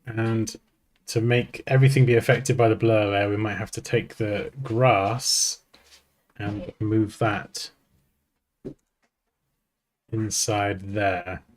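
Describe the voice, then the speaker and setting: A man's voice: on the low side, fairly even intonation, slow pace, long pauses, slight background noise. Chatty man talking through a tutorial. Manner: chatty, thinks aloud, jokes at himself. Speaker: design tutor. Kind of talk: casual screen-recorded software tutorial.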